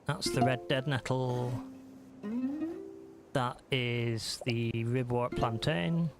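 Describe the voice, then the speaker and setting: A man's voice: mid-range voice, steady tone, takes it slowly, over music. A man chatting casually through a live gameplay stream, self-deprecating and talking to his viewers.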